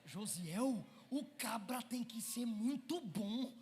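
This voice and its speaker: A man preaching a Pentecostal sermon, shifting from shouted lines to quiet asides and calling out to the congregation. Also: very high-pitched, expressive, takes it slowly. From Brazil.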